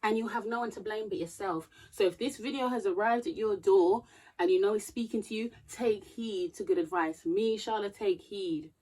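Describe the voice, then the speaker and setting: A woman in her thirties vlogs casual, earnest advice with a preachy streak, checking her notes periodically and getting more emphatic. Her mid-range voice is warm and moves at a normal speed, though the recording quality is low.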